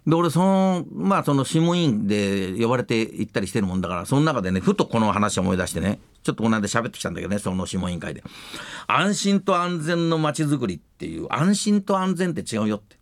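An older man hosting a radio talk show, telling long rambling stories in rough, casual speech that livens up at the funny parts. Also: on the low side, very animated, quick pace, no room sound.

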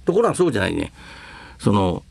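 Gravelly older man, rambling and opinionated. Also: on the low side, wildly swooping pitch, fast talker, darkish tone, no room sound. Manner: rambling, opinionated, rough colloquial speech. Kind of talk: casual monologue on comedy and performing arts.

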